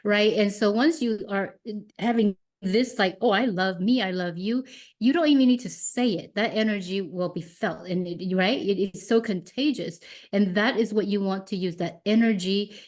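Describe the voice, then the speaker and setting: A woman's voice: medium pitch, moderate pace, a little mellow. A woman in her fifties, a mindset coach guest on a podcast, talking animatedly and acting out her own thoughts in quotes, sometimes repeating words as she restarts. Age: 50s. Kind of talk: podcast interview.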